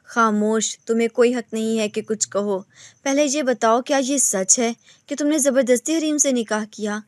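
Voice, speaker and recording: A woman's voice: a little high, dry recording, clean studio sound, natural voice. A woman narrator doing a stern scolding mother. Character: angry middle-aged mother, stern and scolding.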